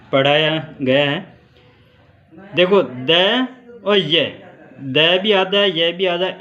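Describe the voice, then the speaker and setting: A man teaching a school Sanskrit grammar lesson, asking questions and answering them himself, and spelling sounds out slowly syllable by syllable. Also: a little high, fairly bright tone, dull audio.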